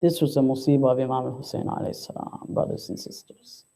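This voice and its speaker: A man's voice: fairly even intonation, fast talker, creaky, warm tone. Impassioned man giving a mourning sermon. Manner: impassioned, voice climbing high in grief, quoting Arabic. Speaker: majlis speaker.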